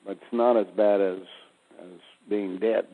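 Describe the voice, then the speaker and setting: A man with a fairly low voice talks in an unhurried, deliberate way and breaks down words letter by letter. The sound is thin and phone-like, with a long reverb tail behind it. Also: fairly even intonation. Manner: slow, deliberate wordplay explanations. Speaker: guest speaker. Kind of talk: casual phone conversation. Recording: tinny phone line with reverb.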